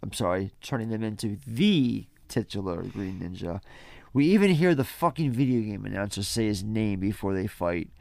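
Low, creaky-voiced sarcastic man. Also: very animated, moderate pace, hardly any pauses, darkish tone, dry recording. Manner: sarcastic, blunt. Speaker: podcast host who leads the recap. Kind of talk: casual profane movie recap from notes.

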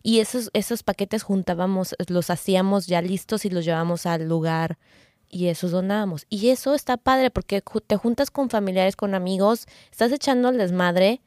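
A woman's voice: medium pitch, moderate pace, a little mellow, dry recording, clean studio sound. A middle-aged Mexican woman co-hosting a casual podcast, chatty, working through a list of tips with asides. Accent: Mexican Spanish. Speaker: podcast co-host.

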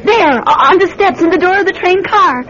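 An actress playing an eager, emotional young country sweetheart in a radio drama. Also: female voice, extremely high pitch, expressive, normal speed, fairly bright tone. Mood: yearning, excited. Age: young adult. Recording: dull radio recording, crowd behind.

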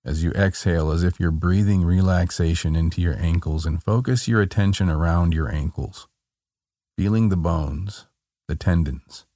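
A man guiding a body-scan relaxation in a calm, meditative tone, gently giving short soothing instructions. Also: deep voice, moderate pace, dry recording, clean studio sound. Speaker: meditation guide.

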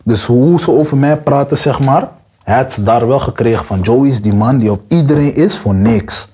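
A man's voice: mid-range voice, moderate pace, slightly rough. A young man rapper, interview guest, talking in casual street slang and acting out quotes with a raised voice. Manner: animated, acts out quotes with raised voice.

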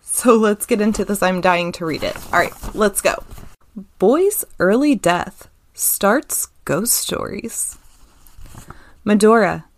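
A woman's voice: medium pitch, no echo. A woman co-hosting a podcast, casually chatting and reading an old news story aloud with informal asides. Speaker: podcast co-host.

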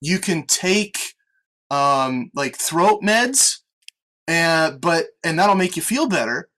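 Speaking slowly but animatedly, this American sports podcast host has a fairly high, bright, forceful voice. He's experienced on air and chats casually and conversationally through an online video meeting call.

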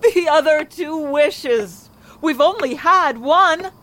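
A woman's voice: high voice, lively intonation, takes it slowly, fairly bright tone, a little hiss or hum, full character voice. A woman playing a frantic, grieving elderly mother in a horror audio drama, with a dramatic, insistent delivery. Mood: frantic, obsessive.

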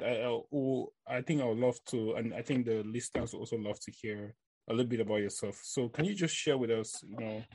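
A man's voice: lowish voice, darkish tone. A man hosting a podcast interview, introducing and questioning his guest with many ums and uhs. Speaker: podcast host.

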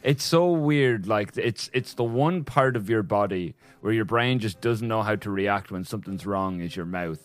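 Low-voiced man, slight lisp from dental aligners. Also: moderate pace, few pauses. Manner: hesitant, restarting, careful with S sounds. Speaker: podcast co-host. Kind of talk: casual chat.

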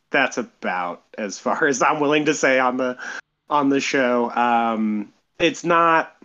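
A man talks in an unhurried, halting way, choosing his words with care and poking fun at himself. His voice comes through a phone recording that sounds dull and lo-fi, with the top end rolled off. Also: medium pitch, fairly bright tone. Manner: halting, careful, self-deprecating. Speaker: podcast co-host. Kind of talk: casual chat.

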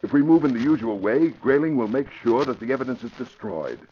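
Playing an earnest, authoritative American police commissioner in a classic radio drama, a man speaks with grave urgency in a natural mid-range voice with lively intonation and a slightly fast pace. The audio is a muffled, lo-fi vintage recording with slight background noise.

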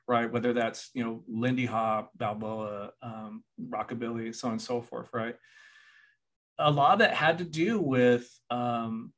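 A university professor and author from California's central coast talks in a casual podcast conversation, rambling with many fillers and restarts and laughing now and then. His voice is mid-range and a bit bright.

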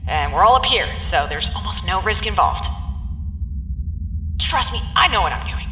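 A breezy, overconfident researcher, as a woman plays her in an audio drama. Her bright, lively voice rings from far off in a hall with long reverb. Faint music sits underneath. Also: medium pitch, moderate pace. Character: overconfident female researcher leading a test.

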